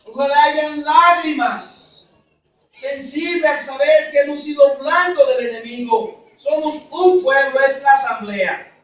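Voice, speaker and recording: High-voiced male preacher in an echoey hall. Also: a little slow. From Mexico. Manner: emphatic, drops to soft low asides. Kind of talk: sermon. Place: church conference hall. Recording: roomy echo, from far off.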